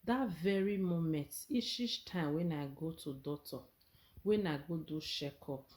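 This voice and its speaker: In a casual personal vlog, a woman with a Nigerian accent shares her experience in Nigerian Pidgin, her voice deep and darkish at a measured pace. She's earnest and encouraging and keeps checking that listeners follow her.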